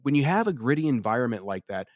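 Male podcast co-host, average pitch, discursive casual movie chat, very dry close recording. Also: big pitch swings, fast, dry recording. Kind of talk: casual film review chat.

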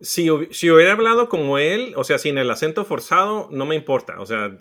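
A man giving his opinion as a podcast co-host, relaxed and trailing off with fillers. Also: fairly high pitch, fairly quick. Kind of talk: casual chat.

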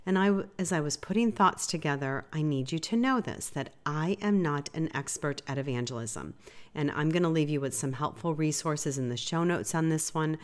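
Lady podcast host with a low voice, bit stuffy from a cold, earnest chatty devotional talk. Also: normal speed. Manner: earnest, conversational, self-deprecating.

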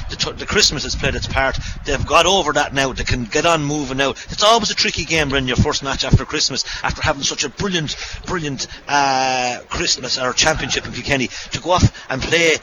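Irish man, radio pundit, rapid rambling analysis, clear background noise. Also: fairly high pitch. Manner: rambling, rapid, repeats phrases. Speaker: radio co-commentator. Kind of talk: sports analysis.

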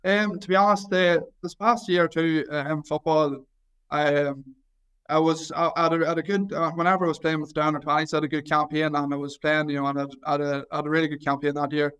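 A man's voice: fairly high pitch, steady tone, fast, a bit bright, smooth. A man in his twenties with a County Down, Northern Irish accent, giving a casual sports interview in a modest, hesitant way with repeated words. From County Down, Northern Ireland. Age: 20s. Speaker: Gaelic football goalkeeper trying out as American football kicker.

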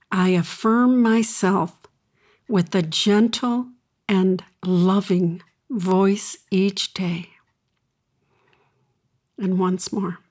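Female radio host. Slow, soothing delivery, gentle and encouraging. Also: mid-range voice. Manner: slow, soothing, repeats affirmations. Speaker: radio host and intuitive consultant. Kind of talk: guided affirmations and call-in advice.

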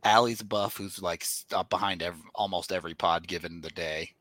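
A man's voice: sits low, fairly even intonation, a little fast, fairly bright tone, no echo. A man hosting a sports podcast, talking casually and reading sponsor spots himself. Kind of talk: casual sports podcast talk with host-read ads.

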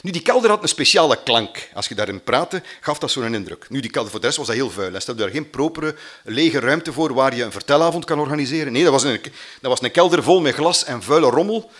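A man's voice: medium pitch, fast. A man from Belgium with a Flemish accent, telling a personal story and acting out the voices of the people in it. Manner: animated, acts out quoted voices.

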